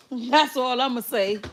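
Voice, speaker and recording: A woman's voice: mid-range voice, a little hiss or hum. A middle-aged woman, chatting casually with viewers on a livestream, teasing and laughing often. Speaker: livestream host.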